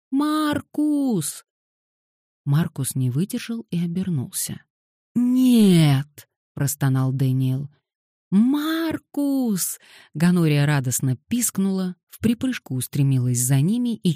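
A woman reading a novel aloud in scripted audiobook narration, measured and wry. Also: deep voice, dark tone, no echo, clean studio sound.

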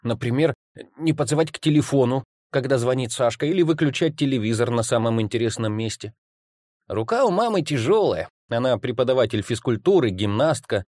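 A man reading a humorous first-person story aloud, with ironic, animated storytelling. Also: medium pitch, a little fast, no echo, studio quality. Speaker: audiobook reader.

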